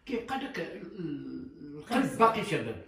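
A man's voice: a little high, brisk, vocal fry, far from the mic. A man with a Moroccan Arabic accent, joking and telling anecdotes in a casual chat. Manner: joking storyteller, lively. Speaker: guest. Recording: roomy, from the mic.

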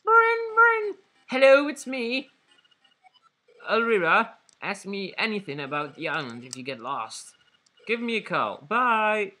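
A man voicing a chatty old man calling on the phone in a video game, in a high, loud, cheerful voice. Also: sing-song, measured pace, full character voice. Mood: cheery.

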